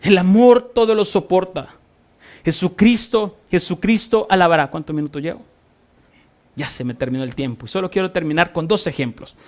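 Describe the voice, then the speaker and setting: A man's voice: high-pitched, moderate pace, darkish tone. A man preaching a sermon as pastor, impassioned, with repeated phrases and rhetorical questions to his congregation. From Honduras.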